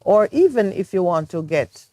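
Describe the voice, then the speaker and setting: A woman's voice: fairly low pitch, big pitch swings, normal speed, dark tone, no room sound. Woman on a studio talk show, earnest and reflective, dry close mic. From Jamaica. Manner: earnest, reflective, explaining at length. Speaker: morning show co-host.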